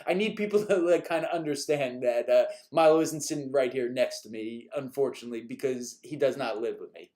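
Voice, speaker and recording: A man from New York chats casually on a live stream, answering viewer questions in a rambling, chuckling way and getting a bit exasperated by repeat questions. His mid-range, darkish voice is brisk, with few pauses.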